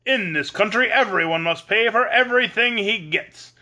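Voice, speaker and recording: A man voicing a great stern wizard, a giant head, in a storybook, with a commanding, emphatic manner and drawn-out words. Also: high-pitched, pushed and bright, voice pushed up, heavily acted. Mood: stern, demanding. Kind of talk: storybook character reading.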